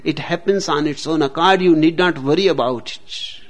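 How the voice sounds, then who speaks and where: A man giving a spiritual discourse, speaking slowly with long pauses and telling jokes along the way. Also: on the high side. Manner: slow, deliberate, dramatic pauses, tells jokes. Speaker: spiritual teacher.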